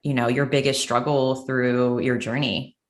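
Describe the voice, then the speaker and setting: A woman's voice: very deep voice, flat delivery, moderate pace. A woman hosting a podcast, asking questions in a chatty way with loose phrasing and many fillers. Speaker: podcast host. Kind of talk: casual interview chat. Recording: roomy echo.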